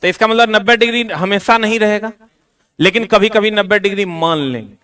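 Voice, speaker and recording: Bright-voiced teacher teasing his class. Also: high voice, fairly quick, smooth. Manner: teasing, scolding students in Bihari-tinged Hindi slang. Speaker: exam coaching teacher. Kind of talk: classroom lecture. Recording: voice from a distance.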